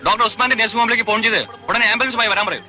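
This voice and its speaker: Brief: take-charge official, rapid-fire and high, businesslike, music under. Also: male voice, pushed and bright, exaggerated voice. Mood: commanding. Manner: commanding, businesslike. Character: brisk male official giving orders. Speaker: film character, official in charge. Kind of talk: 1990s film acting.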